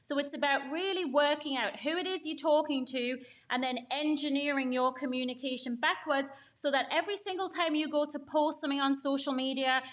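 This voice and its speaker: High-voiced woman talking marketing. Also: brisk, hardly any pauses, fairly bright tone. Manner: emphatic, talks in long runs with examples. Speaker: co-host. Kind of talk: casual podcast chat on marketing.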